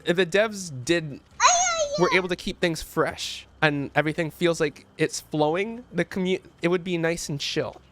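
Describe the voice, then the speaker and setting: High-ish guy streamer rambling away, animated, swears a lot. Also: normal speed, heavy background noise. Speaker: streamer reacting to a video. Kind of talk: casual reaction commentary.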